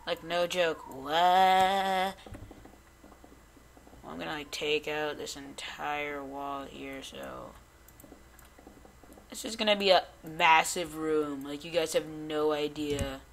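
A man chatting through his gameplay in a loose, rambling way, tripping over his words and restarting sentences. He gets excited at small discoveries, with faint background noise under his voice. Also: on the high side, a little slow, gravelly. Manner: rambling, chatty self-talk with many restarts. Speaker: gamer recording gameplay. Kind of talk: casual gameplay commentary.

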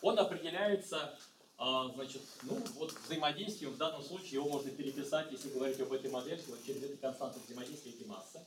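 A middle-aged man giving a university physics lecture, talking in a halting way with many fillers and restarts. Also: medium pitch, a bit bright, a little hiss or hum. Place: lecture room. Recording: echoey lecture hall, mic far off.

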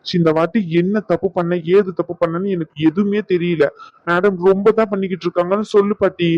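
A man's voice: high-pitched, fairly even intonation, fast, no room sound, lightly acted. A man doing an exasperated young husband. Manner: pleading, exasperated, complaining. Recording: dull lo-fi.

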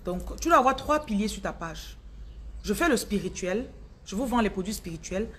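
A woman with a Cameroonian French accent talks casually to her followers as a business and spiritual coach. Her delivery is lively and direct, and she repeats words to drive a point home. A faint hiss runs under her phone live stream. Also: mid-range voice, moderate pace.

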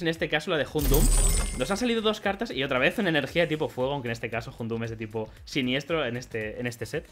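A young man from Spain with a Spanish accent, rambling chattily while opening trading card packs for his channel. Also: medium pitch. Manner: chatty, rambling, bursts into excited shouting and laughter. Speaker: card collecting youtuber. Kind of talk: pack opening vlog.

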